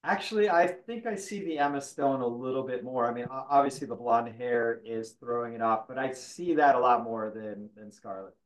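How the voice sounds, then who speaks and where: A man's voice: medium pitch, normal speed, hardly any pauses, low-quality recording. A man from the American South hosting a casual podcast chat, teasing his guest in an easygoing way. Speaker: podcast host.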